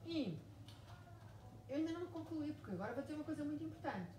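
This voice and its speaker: High-pitched and animated, her dark-toned voice moves at a quick pace. She's a Mozambican author in her forties, a guest at a book event held in a bookshop's event room, emphatically narrating her story and repeating herself often. Echo, distance from the mic, and noise all mark the recording.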